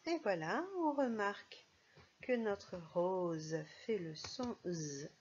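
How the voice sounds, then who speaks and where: A woman's voice: mid-range voice, sing-song, slow, darkish tone, lo-fi sound, a little hiss or hum. A woman teaching a primary school phonics lesson, speaking patiently and stressing each sound and syllable.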